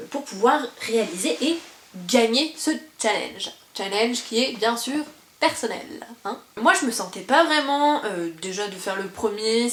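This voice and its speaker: In her parents' living room, a young woman vlogs casually about books, speaking to camera in a chatty way with plenty of fillers and restarts. Her voice is a little high with a fairly bright tone, and the sound is roomy.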